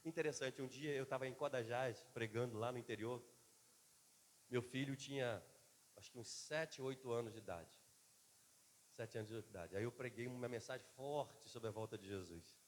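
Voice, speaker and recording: A man's voice: mid-range voice, moderate pace. Male pastor, fervent sermon with big dynamic swings, long hall reverb. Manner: impassioned preaching, swinging between loud and soft. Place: church.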